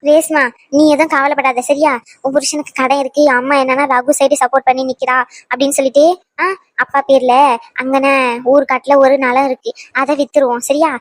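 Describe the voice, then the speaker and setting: A woman's voice: high-pitched, no echo, natural voice. A woman voicing a strong-willed young wife in a cartoon dub, talking emphatically and scolding. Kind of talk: cartoon dubbing.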